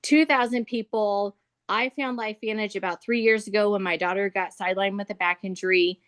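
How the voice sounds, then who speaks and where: A woman's voice: medium pitch, fairly even intonation, brisk. A woman from Nebraska enthusiastically introducing a guest on a video call, in a folksy, casual way. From Nebraska, USA. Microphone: computer mic on a video call.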